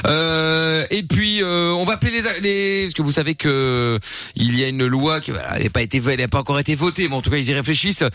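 Fast bright-voiced male radio host. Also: on the high side, dry recording, clean studio sound. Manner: fast, jokey, swears casually. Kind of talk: joking live radio banter. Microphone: studio microphone.

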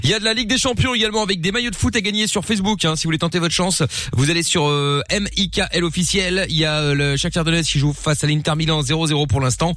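A man's voice: a little high, fairly even intonation, quick pace, fairly bright tone, dry recording. A man hosting a radio phone-in in slangy, teasing, casual chat on a close studio microphone.

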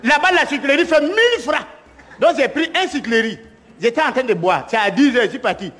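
A man's voice: very high voice, brisk, big-room sound. A comedian voicing a boastful, broke man chatting up a girl in a bar, in broken French with a put-on Burkinabe accent. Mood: laughing boast. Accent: Burkinabe imitation. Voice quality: broken French, animated storytelling. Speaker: stand-up comedian. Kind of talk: comic monologue sketch.

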